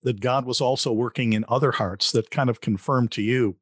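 Man, interview host, affirming, asks follow-ups, mid pitch. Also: steady tone, brisk, husky, dry recording, clean studio sound. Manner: affirming, asks open questions. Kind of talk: interview hosting.

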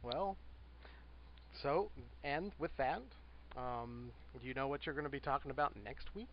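A man co-hosting a podcast, speaking quietly in a laid-back, casual way. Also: medium pitch, lively intonation, a little slow, muffled recording. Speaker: podcast co-host.

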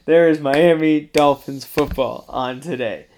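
A man's voice: on the high side, a little slow, darkish tone, a little hiss or hum. A young man co-hosting a podcast, chatting casually late at night and laughing easily. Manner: chuckling, easygoing. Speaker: podcast co-host.

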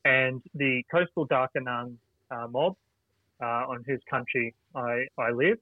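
A man's voice: medium pitch, measured pace, dry recording. Man on a tinny line. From Australia. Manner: earnest, explanatory. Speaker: guest, history teacher. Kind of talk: interview answers.

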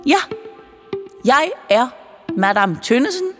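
A woman voicing a stout, matronly little female Christmas elf teacher who speaks in a brisk, formal, brightly bossy way. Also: sits high, very animated, voice pushed up. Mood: brisk cheerful. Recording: reverberant with faint music.

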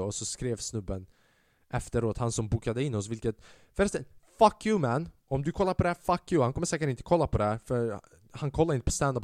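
Profane, animated male podcast comedian. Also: medium pitch, no echo, clean studio sound. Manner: animated, profane, acts out quoted voices. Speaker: podcast host and stand-up comedian. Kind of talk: casual solo podcast storytelling.

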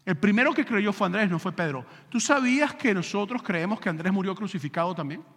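A male pastor preaching a sermon in an animated, conversational way, firing rhetorical questions at the congregation. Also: high-pitched, fairly quick, slightly rough, long reverb tail. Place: church sanctuary with pulpit.

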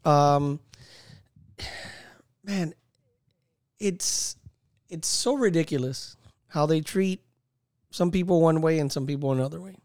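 A man's voice: fairly high pitch, slow, long pauses, no echo, studio quality. A man with a Miami accent co-hosting a podcast, talking in a heated, casual way with lots of slang. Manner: animated, heated, talks in bro slang. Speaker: podcast co-host. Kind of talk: casual chat.

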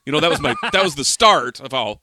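A middle-aged man co-hosting a podcast tells a rambling, profane story full of exaggerated rants in casual chat. His voice is fairly high, expressive and quick, with background noise present.

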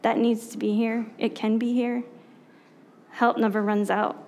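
Slow, reflective woman preaching. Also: on the high side, flat delivery. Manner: reflective, asks the listeners rhetorical questions; thoughtful pauses with soft fillers. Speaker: pastor. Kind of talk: conversational sermon.

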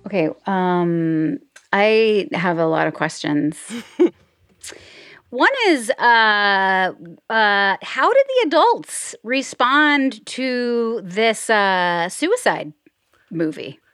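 Animated woman chatting, slow and halting. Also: mid-range voice, clean tone, dry recording, clean studio sound. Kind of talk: casual conversation.

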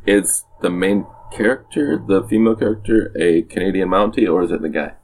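A woman's voice: extremely low pitch, fairly quick, a little mellow. A woman in a casual brainstorming chat, asking dry, steering questions.

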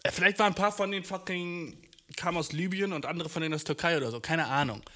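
A man's voice: fairly high pitch, quick pace, bright, forceful tone. A young man podcasting in a casual, rambling monologue, full of slang, fillers and "Dude".

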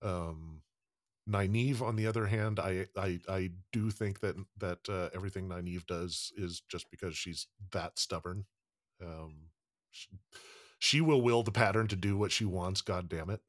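A man's voice: low voice, measured pace, no echo, clean studio sound. A man hosting a casual podcast panel, talking with many ums and restarts. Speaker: podcast host.

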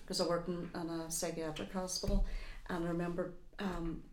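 Lowish-voiced mature woman in echoey room. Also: flat delivery, a little mellow, a little hiss or hum. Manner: halting, sympathetic listener, many backchannels. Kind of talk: casual reflective conversation. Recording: roomy, echoing sound.

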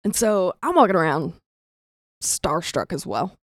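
Here the rural Southern storyteller, a young woman doing comedy, keeps a measured pace with a lowish, very animated voice. She mocks herself and performs the people in her tale, recorded cleanly in a studio with no room sound.

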